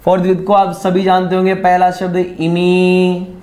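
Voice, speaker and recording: A man's voice: sits high, monotone, moderate pace, a little mellow, echoey room. A man teaching an exam-prep vocabulary lesson, repeating each word and quizzing viewers with questions.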